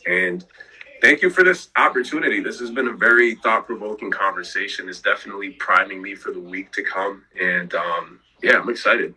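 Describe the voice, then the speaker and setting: A young man, a rapper guest on a podcast, talking in a relaxed, laid-back way with fillers. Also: lowish voice, husky, poor audio. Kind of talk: casual interview chat.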